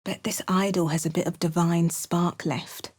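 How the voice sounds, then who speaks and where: An actress voicing a wry, bookish adventuring heroine with a British accent, speaking game voice lines and spell words. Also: female voice, fairly low pitch, little pitch movement, normal speed, a little mellow, close to an everyday voice. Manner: dry, wry remarks and chanted spell words. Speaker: player character voice lines.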